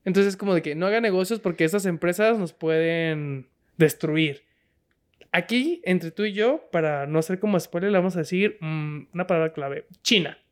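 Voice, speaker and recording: A woman's voice: fairly low pitch, normal speed. A woman with a Mexican accent from the Guadalajara area, co-hosting a casual comedy chat, explaining news in a slangy, joking way. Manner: jokey, slangy, laughs often while explaining. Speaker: podcast co-host.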